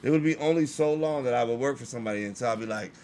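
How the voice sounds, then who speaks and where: A man's voice: mid-range voice, very fast, crowd noise. Laid-back man chatting on a stream. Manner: laid-back, slangy, talks in restarts. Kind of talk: casual chat.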